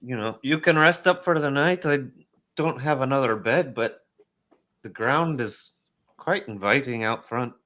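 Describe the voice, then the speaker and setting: A man voicing a hospitable woman living deep in the forest, with an attempted Scottish brogue. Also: unhurried, a bit bright, close to an everyday voice. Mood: welcoming.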